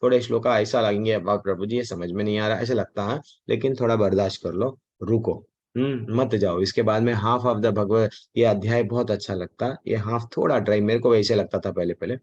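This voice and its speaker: A man's voice: lowish voice, steady tone, moderate pace, a little mellow. A man teaching a devotional class on the Gita in a chatty way, mixing in English words and acting out the voices he quotes. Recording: dull lo-fi recording.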